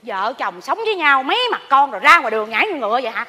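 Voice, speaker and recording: A woman playing a nosy, pious neighbor in a stage comedy, gossiping with loud exclamations and hushed asides. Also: high voice, very animated, racing, slightly rough, exaggerated voice. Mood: scolding. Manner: gossipy, exclaims loudly, then drops to a whisper. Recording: stage hall reverb, faint audience.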